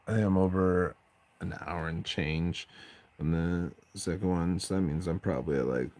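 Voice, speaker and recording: A man with a deep bass voice, chatting casually on a late-night stream at home while he paints miniatures, rambling and restarting his sentences. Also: normal speed, a little mellow. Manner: rambling, self-interrupting, chatty. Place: at home at night, family asleep.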